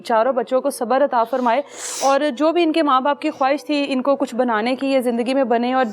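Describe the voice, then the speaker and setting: High-voiced woman reporter, consoling. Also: steady tone, brisk. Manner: gentle, consoling, coaxing with tag questions. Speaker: news reporter. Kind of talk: field interview with a grieving child.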